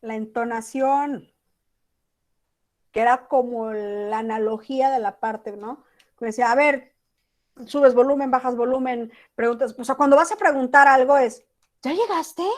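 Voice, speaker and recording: A woman's voice: a little high, fairly even intonation, moderate pace. A woman teacher with a Mexican accent giving an online class, talking casually and acting out example text messages. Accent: Mexican Spanish.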